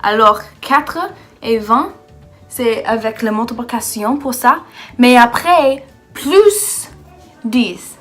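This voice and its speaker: Brief: American woman vlogger, native English speaker, halting learner's French, unhurried delivery. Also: a little high, fairly bright tone, faint music behind. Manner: halting, searching for words with many fillers. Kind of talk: casual vlog in learner's French.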